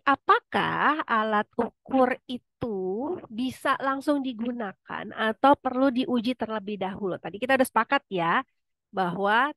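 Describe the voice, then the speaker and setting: A woman's voice: medium pitch, a bit bright, no room sound. Woman lecturer, conversational, asks students questions, dry close sound. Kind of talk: online class discussion.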